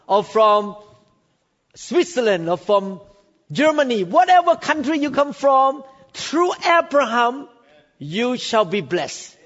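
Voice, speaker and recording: Drawn-out, emphatic phrasing and abrupt jumps in pitch mark this sermon by a Thai preacher in his sixties. The recording is dull and carries a long hall reverb.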